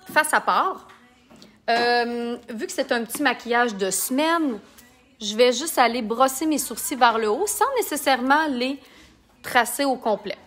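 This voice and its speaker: A woman's voice: a little high, fairly bright tone. A woman with a Québécois accent, chatting and joking while she demonstrates makeup in a casual live tutorial and reads out viewer comments. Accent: Québécois French. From Quebec.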